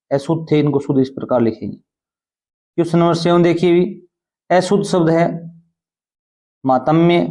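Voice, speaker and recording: Hindi teacher with a mellow tone. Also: male voice, fairly high pitch. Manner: explains step by step and asks quick questions. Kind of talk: exam prep lesson.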